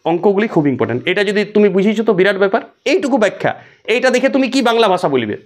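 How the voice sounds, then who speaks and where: A man's voice: high voice, very animated, fast. A man teaching a physics lesson, asking the class questions and answering them himself. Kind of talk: classroom lecture.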